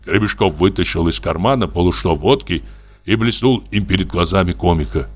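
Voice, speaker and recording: A man reading a literary story aloud in an expressive, measured manner. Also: low voice. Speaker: audiobook narrator.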